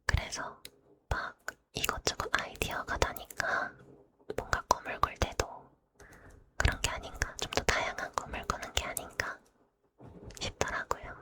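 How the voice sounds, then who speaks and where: Whispering woman in a soft ASMR chat. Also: moderate pace, pauses often. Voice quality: breathy, unvoiced whisper. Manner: soft, polite, addressing listeners. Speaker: ASMR host.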